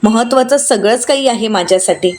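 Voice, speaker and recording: A woman's voice: on the high side, a little fast, a little mellow, close to an everyday voice. A woman reading a scolding angry young wife. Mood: indignant. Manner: scolding, indignant.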